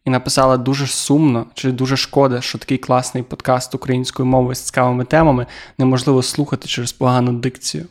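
A man's voice: medium pitch, flat delivery, quick pace, few pauses. A young man with a Ukrainian accent co-hosting a casual podcast chat, joking and self-deprecating. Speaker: podcast co-host.

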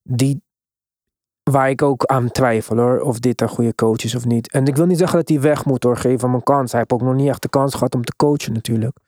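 A male sports host with a relaxed, dark-edged voice at middle pitch. He talks casually but emphatically and slips English sports terms into his speech. The sound is dry and close. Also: brisk, no echo. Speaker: podcast host.

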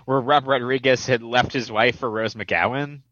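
A man's voice: medium pitch, fairly even intonation, normal speed, fairly bright tone, no echo. A man co-hosting a podcast, chatting casually about a movie with wry joking asides. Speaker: podcast co-host. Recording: slightly dull lo-fi mic.

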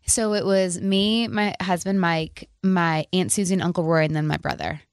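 With a lowish, smooth voice, fairly even intonation and moderate pace, a Midwestern American country singer in her thirties talks in a relaxed radio interview. She's bubbly and laughs often. The studio mic captures her with no echo, in studio quality.

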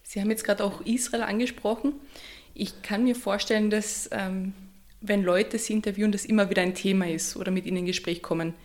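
Woman, interviewer, direct questions, medium pitch. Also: steady tone, a little fast.

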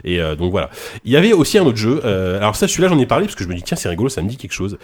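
A man's voice: fairly low pitch, sing-song, racing. A man hosting a video game podcast, rambling casually with many restarts. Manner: rambling, many restarts and fillers, laughs often. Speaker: podcast host.

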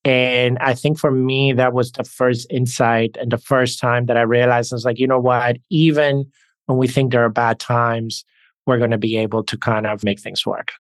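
Podcast guest, male, from the Dominican Republic, mid-pitched, earnest storyteller, dry close sound. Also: level tone, moderate pace, no echo. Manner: earnest, reflective, talks in anecdotes. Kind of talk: conversational interview storytelling.

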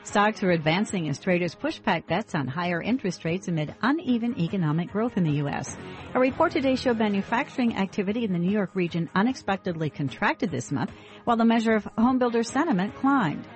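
A woman's voice: mid-range voice, lively intonation, brisk. A woman anchoring a scripted radio business and market news update. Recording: music bed under speech. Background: music.

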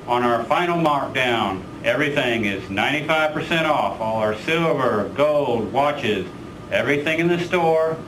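A man announcing over a store loudspeaker, reading the closing sale in a plain voice with brief pauses between items. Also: mid-range voice, animated. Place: large retail store. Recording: echoey store PA with loud background noise.

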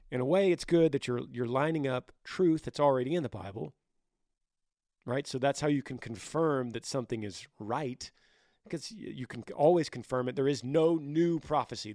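Raspy, gravelly-voiced man, dry close sound. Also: mid-range voice, a little mellow, no echo. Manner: earnest, brotherly, careful hedging with restarts. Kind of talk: reading a listener's email and replying with informal advice.

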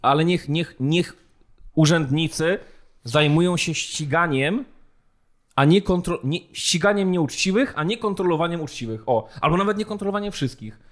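A man's voice: a little high, normal speed. A man co-hosting a casual podcast discussion, talking in an indignant, emphatic, colloquial way. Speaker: podcast co-host.

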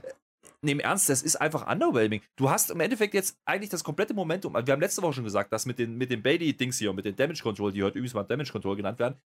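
Guy rambling on a wrestling podcast, lots of umms and restarts, gets fired up. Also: mid-range voice. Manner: rambling, many fillers and restarts, gets worked up. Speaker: podcast co-host. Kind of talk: casual wrestling podcast chat.

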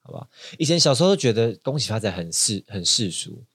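A man's voice: mid-range voice, sing-song, fast talker, a bit bright, slightly rough, no echo. A man hosting a casual podcast chat, teasing his guest and laughing often. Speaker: podcast host.

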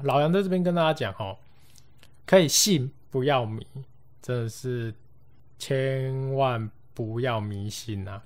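Taiwanese guy on his podcast telling a ghost story, chatty and playful, does little voices, mid pitch. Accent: Taiwanese Mandarin. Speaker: podcast host.

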